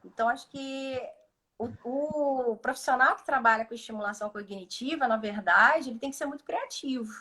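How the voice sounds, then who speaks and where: A woman with a Brazilian Portuguese accent speaks in a fairly high register. She explains step by step on a video call and slips into short example dialogues with patients. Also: normal speed, bright, forceful tone, breathy edge. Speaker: speech therapist guest. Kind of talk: instructive live chat.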